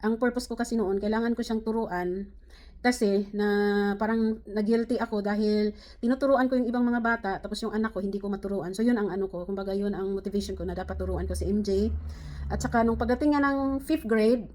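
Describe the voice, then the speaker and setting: A woman's voice: medium pitch, fairly even intonation, a little fast, a little mellow. Rambling Filipino woman vlogger. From Philippines. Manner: rambling, many fillers and restarts. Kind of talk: casual chat to camera.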